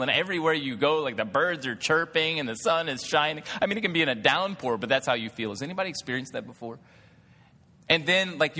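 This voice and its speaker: A man's voice: on the high side, sharp tone, husky, long reverb tail. A man, a pastor preaching a sermon in a loose, conversational way, often asking the congregation questions. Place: church hall.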